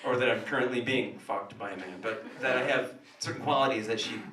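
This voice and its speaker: A man doing crude, self-mocking stand-up comedy in a small cafe, with a rough, wrecked voice. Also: mid-range voice, fairly quick, bright, forceful tone, a little hiss or hum. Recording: echoey room, distant mic, live music.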